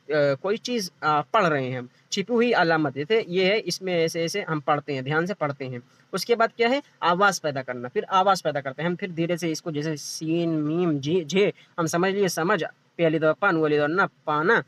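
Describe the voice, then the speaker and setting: High-voiced man teaching an exam class. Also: a bit bright. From India. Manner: repeats each point, asks and answers his own questions. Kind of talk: exam-prep lecture.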